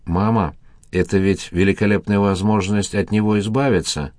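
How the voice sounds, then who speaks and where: A man's voice: lowish voice, fairly even intonation, moderate pace, a little mellow, no room sound, clean studio sound, close to an everyday voice. A man reading an audiobook, voicing a scheming teenage son who talks scornfully and in a whisper. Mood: coaxing.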